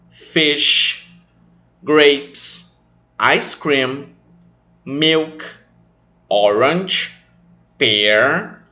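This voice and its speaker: A young Brazilian man with a Brazilian Portuguese accent teaches English to children online, affectionately calling his pupils "meus amores" and referring to himself as "tio." His voice is fairly high and a bit bright, and he drills new words slowly for them to repeat.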